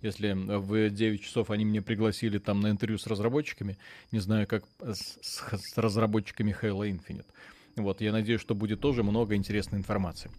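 A man co-hosting a live gaming stream, chatty and excitable, rambling with fillers as he talks. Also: fairly low pitch, fast. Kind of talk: casual live stream chat.

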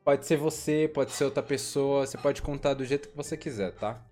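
A woman's voice: a bass voice, brisk, dark tone. A young woman with a Brazilian Portuguese accent hosting a casual, slangy livestream in a giggly, teasing, informal way. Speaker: live stream host. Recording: background music under the voice.

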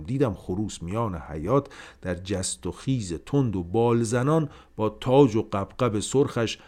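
Expressive low-voiced male storyteller. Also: vocal fry. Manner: expressive, dramatic pacing. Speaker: podcast storyteller. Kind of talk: literary story reading.

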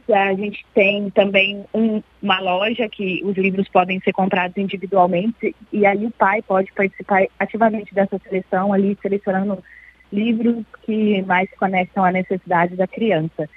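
A woman guest in an interview, explaining at length in a measured way with frequent hesitations. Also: mid-range voice, steady tone, breathy edge, dry recording. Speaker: interview guest, children's book club representative. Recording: thin phone-line sound.

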